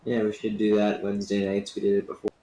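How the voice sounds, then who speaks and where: A man's voice: on the low side, monotone, fast, warm tone, lo-fi sound, a little hiss or hum. A gamer man talking casually in an offhand way, heard over a group voice chat.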